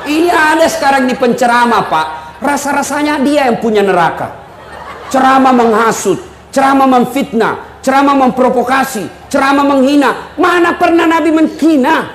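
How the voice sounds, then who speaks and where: A man preacher giving a lively, teasing sermon to a live audience, speaking to them directly. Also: very high voice, normal speed. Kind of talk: humorous sermon. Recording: echoey hall with faint room noise.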